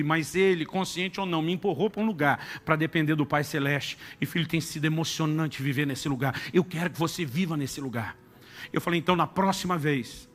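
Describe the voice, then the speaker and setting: A middle-aged man preaching a sermon, telling a family story with acted-out dialogue and shifts to a soft, intimate tone. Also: a little high. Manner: animated storyteller acting out dialogue, dropping to soft intimate tones. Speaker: pastor.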